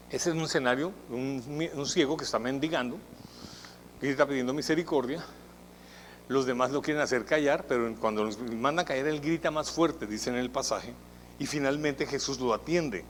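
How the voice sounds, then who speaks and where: A man preaching a sermon as pastor, in a conversational, animated way that acts out the people he quotes. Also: medium pitch, long reverb tail, a little hiss or hum, poor audio. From Colombia. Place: church hall.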